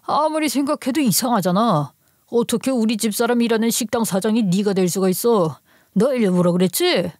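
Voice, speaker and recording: A woman's voice: a little high, lively intonation, brisk, darkish tone, no echo, clean studio sound. A woman doing a whining ex-husband who begs. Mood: accusing. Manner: pleading, wheedling. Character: whining, self-pitying middle-aged ex-husband begging for money. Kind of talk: story radio narration.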